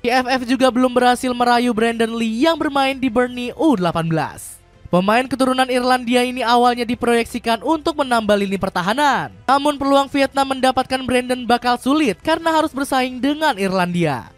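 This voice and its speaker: A woman narrating scripted football news as a voice-over, in a steady read-aloud delivery that drops in pitch at sentence ends. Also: fairly quick, soft background music.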